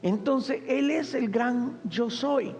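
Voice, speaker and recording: A man's voice: very high-pitched, slow, darkish tone, a little hiss or hum. A man preaching a sermon as pastor, building up through repeated refrains and asking the congregation to answer back. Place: church sanctuary. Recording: long reverb of a church hall.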